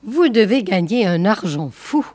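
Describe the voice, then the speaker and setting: A woman's voice: medium pitch, very animated, a little slow, darkish tone, breathy edge, no echo. A woman voicing a fussy, scheming middle-aged bourgeois mother who scolds her daughter. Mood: eager.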